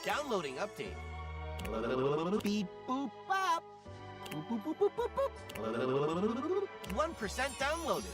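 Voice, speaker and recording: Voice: medium pitch, wildly swooping pitch, takes it slowly, long pauses, recorded from a distance, music in the background. A voice actor playing a cheerful robot dishwasher in a video game, speaking in a robotic voice with beeps and boops. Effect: robotic voice saying beep boop. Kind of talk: video game character dialogue.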